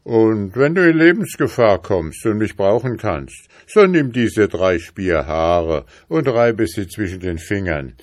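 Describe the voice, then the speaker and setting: A man's voice: fairly low pitch, animated, measured pace, hardly any pauses, no echo, clean studio sound. A man voicing a wild male lion in a fairy tale who speaks kindly and urgingly. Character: wild male lion, gruff but friendly.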